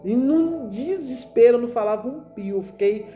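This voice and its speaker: A woman's voice: on the high side, expressive, moderate pace, warm tone, faint music behind. A woman telling a religious testimony in an emotional, storytelling way, calling her listeners brothers. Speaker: testimony speaker.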